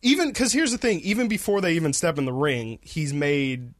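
A man hosting a casual sports podcast from a radio studio, chatty and relaxed, with frequent fillers. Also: fairly high pitch, a little fast, no room sound. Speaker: podcast host. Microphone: studio microphone.

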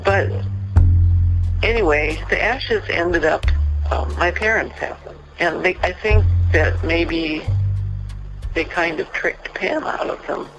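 Woman on an old rough recording, gravelly voice, dull lo-fi sound, halting way of talking. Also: lowish voice, over music. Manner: hesitant, searching for words. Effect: old rough tape recording. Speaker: interviewee, sister of the deceased. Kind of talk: casual recorded conversation.

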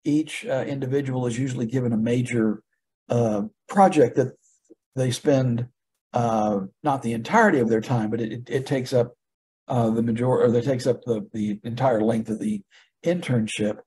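An American man hosting a casual interview, with a halting manner, repeating words as he forms his questions. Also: medium pitch, steady tone, mellow, rough recording. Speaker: podcast host, interviewer.

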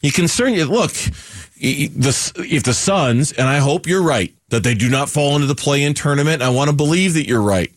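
A man's voice: fairly high pitch, lively intonation, fairly quick, dry recording, studio quality. A man co-hosting sports talk radio, emphatic and repetitive, restarting his sentences often. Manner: emphatic, repeats himself, many restarts.

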